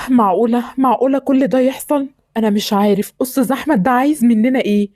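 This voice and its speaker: A woman's voice: a little high, fast talker, a little mellow, no echo, studio quality, close to an everyday voice. A woman voicing a humble Egyptian father. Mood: dismayed. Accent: Egyptian Arabic. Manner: humble, apologetic toward his boss. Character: worried working-class Egyptian father, gentle. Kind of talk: amateur voice drama.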